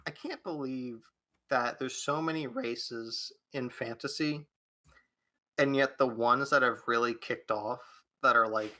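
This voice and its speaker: A man's voice: medium pitch, pushed and bright. A man co-hosting a casual podcast, rambling with constant fillers. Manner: rambling, heavy use of "like".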